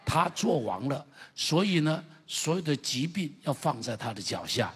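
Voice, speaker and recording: A man with a fairly high, husky, breathy voice preaches a sermon in a church. His delivery is emphatic and builds to loud, shouted declarations. The sound carries a long reverb from a large hall. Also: very animated, moderate pace. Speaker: pastor. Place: church sanctuary.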